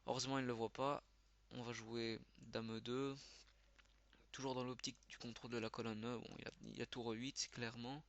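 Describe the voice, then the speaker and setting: A man giving live commentary as he plays, thinking aloud with quick muttered exclamations. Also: mid-range voice, level tone, a bit bright, lo-fi sound. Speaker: channel host. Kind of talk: live commentary while playing.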